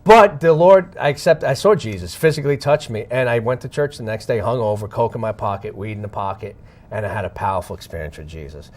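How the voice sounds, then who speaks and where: A man sharing a personal testimony as an interview guest, speaking dramatically and swinging between hushed and loud passages while acting out the dialogue he recalls. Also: on the low side, expressive, fast. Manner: acts out dialogue in his retelling. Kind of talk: emotional storytelling.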